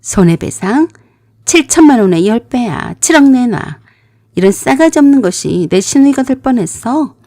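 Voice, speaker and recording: A woman voicing a furious, sharp-tongued older sister who shouts and curses. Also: on the high side, expressive, moderate pace, no room sound, studio quality, pitched above the performer's own voice. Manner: shouting, cursing.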